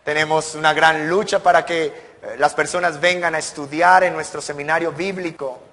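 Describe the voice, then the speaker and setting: A man's voice: a little high, fairly even intonation, normal speed, fairly bright tone, big-room sound. A man preaching a sermon as pastor, earnest, asking the congregation rhetorical questions and building to emphatic peaks. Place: church sanctuary.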